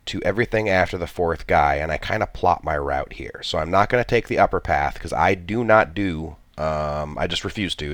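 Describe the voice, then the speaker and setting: A gameplay commentator with a stuffy cold talks about a strategy game he's playing, thinking aloud with many restarts. His voice is a rumbling low yet a bit bright, with no echo.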